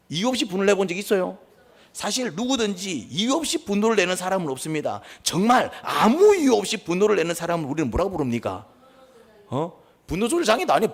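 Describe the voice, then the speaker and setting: A man's voice: gravelly, husky. A male pastor preaching a sermon, asking the congregation questions and acting out quarrels in raised voices. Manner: animated, asks the congregation questions, acts out quarrels in high voices.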